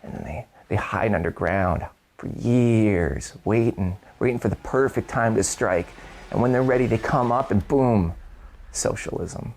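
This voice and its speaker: An actor playing an intense, paranoid male conspiracy theorist who talks with dramatic pauses in a mockumentary interview. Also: lowish voice, a little mellow, slight background noise.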